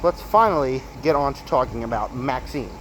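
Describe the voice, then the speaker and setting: A man giving a casual, emphatic movie review as a video host while walking on a treadmill, halting and repeating himself for stress. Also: medium pitch, expressive, poor audio. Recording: clear treadmill motor and footstep noise. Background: treadmill noise.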